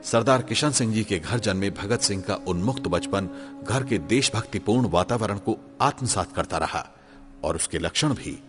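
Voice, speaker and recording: A man's voice: fairly low pitch, normal speed. A man with an Indian accent delivering dramatic scripted biographical narration. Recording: reverberant hall sound, faint music.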